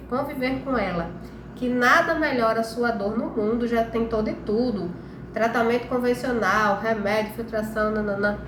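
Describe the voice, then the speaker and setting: Hosting a health live stream, a Brazilian woman recovering from the flu sounds slightly nasal and congested. Her pitch is fairly high, and she explains things in an informal, conversational way, often checking that listeners are following. The room is echoey, with clearly audible background noise.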